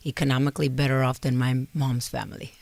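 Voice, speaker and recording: A woman's voice: rumbling low, little pitch movement, fast, creaky, darkish tone, dry recording. A Dominican-born woman who grew up in Brooklyn, chatting casually as an interview guest and switching between English and Spanish. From Dominican Republic. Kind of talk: casual bilingual interview chat.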